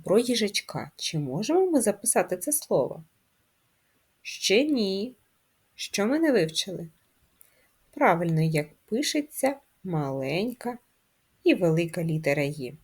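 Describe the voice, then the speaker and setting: A woman teaches first graders in a patient, sing-song classroom voice, asking the class questions and sounding out letters one at a time. Her voice sits a little low and has a soft, husky edge. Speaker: primary school teacher. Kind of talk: slow, clear classroom instruction to young children.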